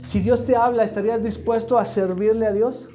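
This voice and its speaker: A man's voice: high-pitched, steady tone, brisk, mellow, soft background music. A man preaching a live sermon to a congregation, emphatic and throwing repeated questions at the room. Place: church hall, live congregation.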